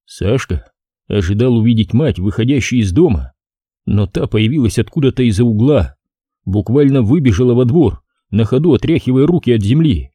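Man narrating in a dark, husky voice. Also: mid-range voice, animated, moderate pace, no room sound. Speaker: audiobook narrator. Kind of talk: scripted narration.

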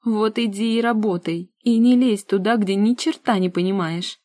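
A woman's voice: mid-range voice, fairly even intonation, normal speed, mellow, no echo, clean studio sound, lightly acted. A woman voicing a spoiled, capricious young woman who shrieks and sneers at her sister in an audiobook. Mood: indignant shrieking.

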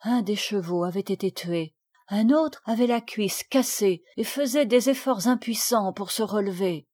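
A woman narrating a storybook aloud in a measured, expressive reading. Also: mid-range voice. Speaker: audiobook reader. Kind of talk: audiobook narration.

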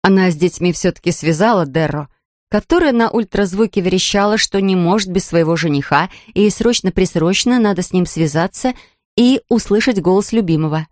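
A woman's voice: on the low side, a little fast, no room sound, clean studio sound. A woman narrating an audiobook expressively, acting out the dialogue. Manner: lively, acts out dialogue.

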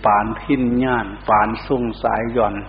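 A man's voice: lowish voice, flat delivery, moderate pace. A middle-aged man with an Isan accent, a Buddhist monk giving a sermon and breaking into Pali chanting to show how it should sound. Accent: Isan (northeastern Thai). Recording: dull lo-fi hall recording with faint hum.

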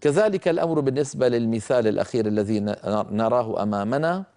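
A man's voice: medium pitch, expressive, fast talker, dark tone. A middle-aged man giving a Quran recitation lesson, patiently explaining the rules and stretching out the example words as he chants them.

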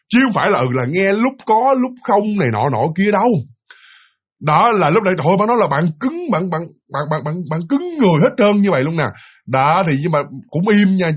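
A young man tells a spooky tale in a chatty, stumbling way. He talks very fast in a husky voice. His pitch sits somewhat high. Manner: chatty, repeats words and stumbles. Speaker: storyteller. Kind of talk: casual ghost story narration.

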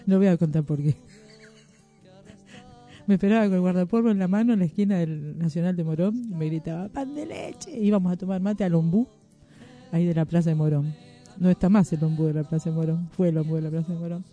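A man with an Argentine accent hosts a radio show in a casual, joking way, and his voice sits high for a man yet sounds very dark and mellow. Soft music plays faintly behind him. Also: steady tone, fast talker, pauses often, muffled recording. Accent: Argentine Spanish. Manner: chatty, jokey, nostalgic asides to listeners. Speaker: radio host.

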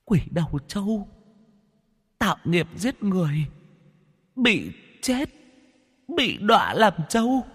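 A tormented buffalo ghost pleads in a thin, whimpering voice pitched far above normal speech, drawn out slowly. The line swoops wildly up and down. A long reverb trails behind it. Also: male voice, big pitch swings, a bit bright, breathy edge, full character voice. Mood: wailing. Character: tormented male buffalo ghost, wailing and begging.

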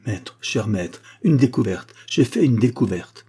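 A man voicing an excitable, loyal male dwarf servant who talks in a breathless, pleading way. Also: medium pitch, unhurried, slightly rough.

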